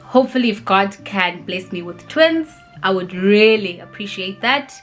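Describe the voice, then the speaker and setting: A woman in her 20s who grew up in Cape Town, South Africa, chats at a normal speed in a mid-range voice over soft background music. She rambles casually and animatedly while answering viewer questions, dropping lots of "like" and "you know" fillers.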